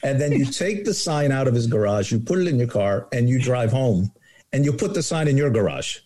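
A man co-hosts a casual interview in a dark, mellow voice of middle pitch. His delivery is dry and wry, broken up by hesitant ums. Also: animated, fairly quick. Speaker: co-host.

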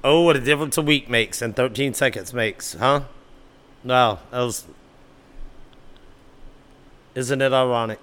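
Bright-voiced animated sports podcast man. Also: medium pitch, unhurried, long pauses. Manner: animated, mock-arguing with imagined listeners. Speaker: podcast host. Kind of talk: solo sports talk podcast.

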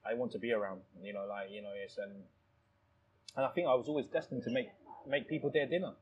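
A man's voice: medium pitch, steady tone, fast talker, muffled recording, slight background noise. A man from Thailand who owns a restaurant, talking in a casual interview with many restarts and "you know"s. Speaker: restaurant owner. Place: his restaurant, indoors.

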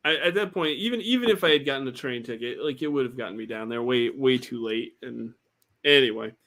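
A man co-hosting a relaxed podcast who talks in a halting way. He trips over his words and repeats himself before getting to the point. His voice sits at an ordinary middle pitch. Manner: hesitant, many fillers and repeats. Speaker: podcast co-host. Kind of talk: casual chat.

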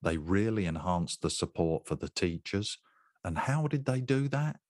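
A man's voice: low-pitched, animated, moderate pace, a little mellow, no room sound, clean studio sound. A man in his sixties giving an instructional talk to teachers, emphatic and conversational, repeating his key points. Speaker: education trainer.

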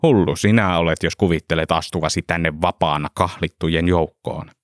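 A man voicing a gruff, hostile male gate guard who talks curtly and with scorn, a bit lower and quieter than his narration. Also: steady tone, dry recording, studio quality, lightly acted. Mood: scornful. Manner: curt, scornful.

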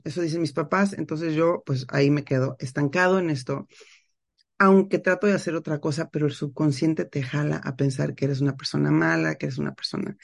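A woman's voice: deep voice, vocal fry, darkish tone. A middle-aged woman from Mexico with a Mexican accent, talking freely in a casual podcast monologue and often ending phrases with a questioning tag. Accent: Mexican Spanish. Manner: talks freely with slang, tags phrases with a questioning "¿no?". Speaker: podcast host.

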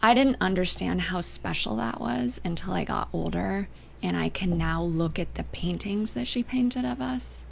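A young adult woman from Canada and Northern California, chatting as an interview guest, soft-spoken and often trailing off into near-whispers. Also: fairly low pitch, normal speed, creaky, slight background noise. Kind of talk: casual interview chat.

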